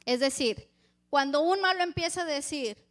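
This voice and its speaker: A woman's voice: high voice, moderate pace, fairly bright tone. A woman preacher giving a sermon, reading scripture aloud and calling the congregation brothers. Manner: acts out crowd voices.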